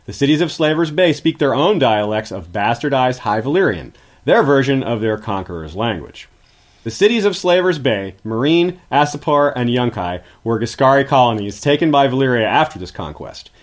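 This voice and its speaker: A man with a mid-range voice appears as a guest history expert. He delivers scripted, articulate explanations in an informative, lecture-like style.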